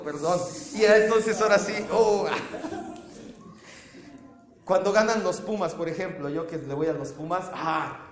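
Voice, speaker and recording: Mexican pastor guy, kinda high voice, preaching, keeps asking the crowd stuff. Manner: asks the congregation questions, emphatic. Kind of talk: sermon. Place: church. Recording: echoey church room.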